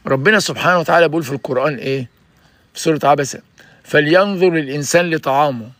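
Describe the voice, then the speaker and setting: A man in his sixties with an Egyptian accent, hosting a casual livestream and preaching health advice in an energetic, urging way. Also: fairly high pitch, very fast, no room sound. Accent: Egyptian Arabic. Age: 60s.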